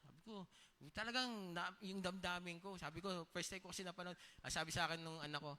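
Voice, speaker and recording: A man's voice: sits high, steady tone, fast, pushed and bright. A man preaching a sermon as pastor, telling personal stories in a conversational tone and often checking in with the congregation through short questions. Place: church hall. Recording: long reverb of a church hall.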